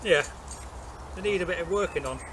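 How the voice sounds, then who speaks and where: A man's voice: high voice, fairly quick. A middle-aged man with an East Midlands, Derbyshire accent, chatting casually as he shows and explains things. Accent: East Midlands English (Derbyshire). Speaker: co-host, Viking re-enactor and craftsman. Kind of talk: casual show-and-tell chat. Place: outdoors in a leafy garden. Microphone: camera a few metres away. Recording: outdoor noise, birds and distant traffic.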